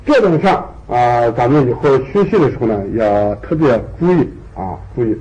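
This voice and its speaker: A man's voice: medium pitch, sing-song, normal speed, dark tone, lo-fi sound. A man teaching a language class, patiently repeating key points and stretching out particles at the ends of phrases. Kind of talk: classroom lecture.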